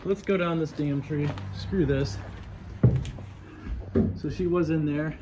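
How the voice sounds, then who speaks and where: Hushed, tense man on a noisy phone recording. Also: on the high side, slow. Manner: tense, hushed, talking to viewers. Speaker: urban explorer vlogger. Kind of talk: casual vlog narration. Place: inside an abandoned church. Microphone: phone camera.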